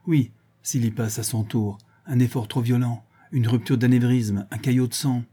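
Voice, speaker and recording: A man's voice: medium pitch, fairly even intonation, normal speed, warm tone, breathy edge, close to an everyday voice. A man doing a fretful worried companion. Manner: fretful, questioning.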